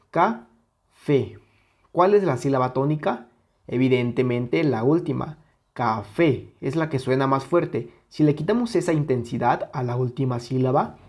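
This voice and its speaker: Mexican guy explaining a lesson real slow, keeps repeating words and asking ok. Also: medium pitch, darkish tone. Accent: Mexican Spanish. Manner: repeats words to stress syllables, asks "¿ok?" often. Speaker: teacher.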